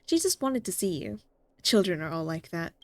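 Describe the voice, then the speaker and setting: A woman streams a video game, reading its dialogue aloud and reacting expressively, exclaiming and laughing at the story. Her lowish voice moves at normal speed, and the recording is dry.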